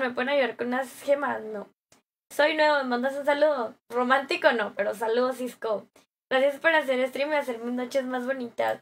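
Young woman, Mexican accent, high voice, slightly hoarse, bubbly slangy stream chat. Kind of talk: live stream chat, greeting viewers and reading comments.

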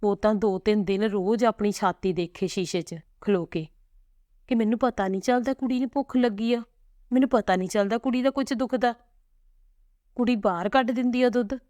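A woman's voice: a little high, fairly even intonation, mellow, no room sound, clean studio sound, natural voice. Woman voicing a grieving older village mother. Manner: tearful, slow storytelling.

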